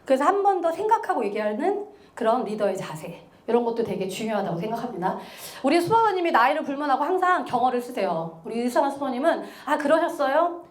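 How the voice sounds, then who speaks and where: Woman, high and very animated seminar lecturer, plays out quotes, laughs a lot; roomy echo. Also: fast. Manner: animated, acts out quoted remarks, laughs often. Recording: echoey lecture room.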